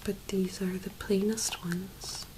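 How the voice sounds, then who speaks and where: A woman speaking in a soft, hushed whisper, gently presenting an ASMR tapping video. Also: mid-range voice, little pitch movement, slow, heavy background noise.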